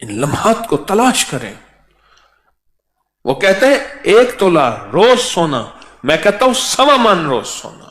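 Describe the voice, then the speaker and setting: A man preaching a sermon, chanting verses and then explaining them slowly. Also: sits high, big pitch swings, fairly bright tone. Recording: echoey hall with long reverb.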